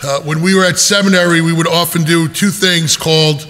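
A man's voice: on the high side, steady tone, a little fast, pushed and bright, soft background music. A male priest giving a conversational homily in a church, explaining scripture verse by verse like a teacher. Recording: long church reverb.

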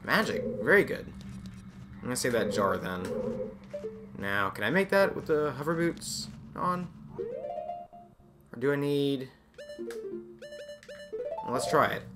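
A woman's voice: extremely low pitch, animated, measured pace, long pauses. A woman playing a video game, thinking aloud and muttering to herself, with sudden exasperated outbursts. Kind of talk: let's-play commentary. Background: game music.

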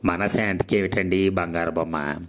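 A man's voice: low-pitched, steady tone, moderate pace, natural voice. A man reading aloud voices a kindly, good-humored elderly temple priest. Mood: jovial. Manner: warm-humored, laughing.

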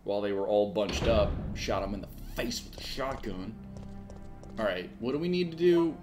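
A man's voice: fairly low pitch, normal speed. A man streaming a video game live, joking with wry asides as he plays. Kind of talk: live gameplay commentary. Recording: streamer mic with game music behind.

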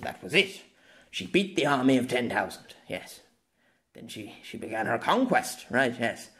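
A man's voice: fairly low pitch, normal speed, gravelly. A man voicing a shaken adult man who mutters to himself after a nightmare in an audio story. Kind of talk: audiobook character voice.

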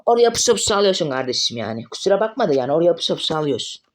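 Excitable, foul-mouthed young gamer man. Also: on the high side, rapid-fire, background noise. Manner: excitable, swears often when frustrated. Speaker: mobile game streamer. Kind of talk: live gameplay commentary.

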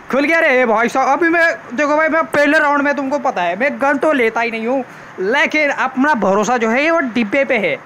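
A man commentates his gameplay live. His voice sits high and bright. He is excitable and keeps up joking, casually crude banter. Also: slight background noise. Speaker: gaming YouTuber.

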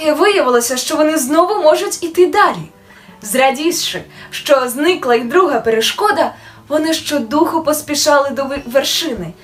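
A woman from Ukraine reads a fairy tale aloud with gentle, expressive storytelling. Her voice sits high. Quiet music plays underneath. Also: moderate pace. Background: soft music.

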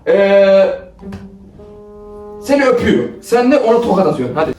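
A man's voice: sits high, sing-song, moderate pace, darkish tone. A young man leads a playful role-play skit with his sister, bossy and teasing, laughing easily. His voice swings widely up and down. He sounds a little far from the mic in an echoey room, with faint music under him. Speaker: older brother directing a skit. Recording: roomy, from a distance, faint music.

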